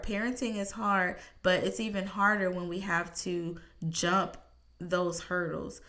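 A woman giving an earnest, measured talk on parenting, speaking with emphasis and deliberate pauses. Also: medium pitch, fairly bright tone.

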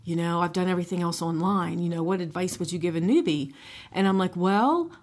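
A woman's voice: lowish voice, level tone, fast talker, darkish tone. Middle-aged female podcast co-host; casual, chatty, conversational. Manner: chatty, frequent "right?" and "you know". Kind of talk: casual chat.

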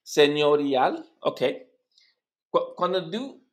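Halting man learning to recite in Spanish. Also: a little high, big pitch swings. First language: English. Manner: halting, repeats words syllable by syllable. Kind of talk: practicing poetry recitation in a lesson.

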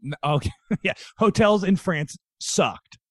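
A man's voice: sits high, lively intonation, unhurried, a bit bright, no echo. A man from the United States co-hosting a casual chat, laughing often and stammering through playful reactions. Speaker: podcast co-host.

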